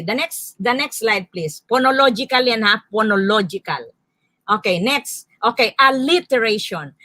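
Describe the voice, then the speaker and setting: A woman's voice: a little high, sharp tone, no room sound. A Filipino woman leading a teacher training lesson, modeling reading drills aloud and correcting herself as she goes. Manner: demonstrative, claps and counts syllables aloud; self-correcting, brisk asides. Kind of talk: lecture mixing Filipino and English. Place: indoor training session.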